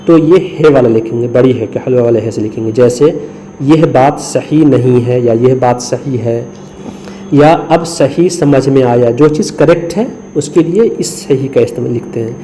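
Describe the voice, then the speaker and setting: A man's voice: medium pitch, mellow, slight background noise, poor audio. A man from India teaching Urdu script, patiently spelling out letters syllable by syllable and mixing English words into his explanations. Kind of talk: screen lesson.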